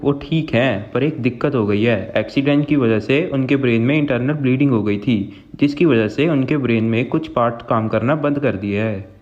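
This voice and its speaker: A man's voice: mid-range voice, normal speed, few pauses, close to an everyday voice. Man as patient hospital doctor, muffled lo-fi audio. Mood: calm. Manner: calm, explanatory. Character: calm male doctor.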